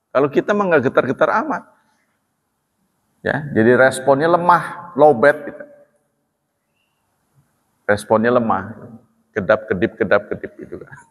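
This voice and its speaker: A man's voice: mid-range voice, fairly bright tone, long reverb tail. A man preaching a sermon, telling stories with acted dialogue and light humor.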